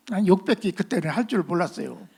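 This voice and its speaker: A middle-aged man preaching, telling a personal testimony in a lively storytelling manner and acting out the voices of the people in it. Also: high-pitched, normal speed, breathy edge. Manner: animated storyteller acting out quoted voices, laughing at himself. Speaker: pastor. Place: church sanctuary.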